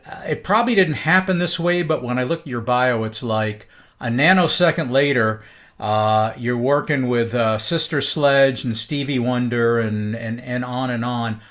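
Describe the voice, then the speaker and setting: A man's voice: medium pitch, a bit bright. A man hosting a podcast interview, asking long rambling questions with fillers. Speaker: podcast host.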